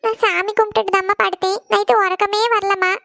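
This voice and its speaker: A woman's voice: extremely high pitch, little pitch movement, creaky, sharp tone, no room sound, clean studio sound, full character voice. A woman voicing a sulking, tearful college girl in a cartoon who whines and pleads. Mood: sulky. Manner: whiny, pleading, drawn-out. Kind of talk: cartoon voice acting.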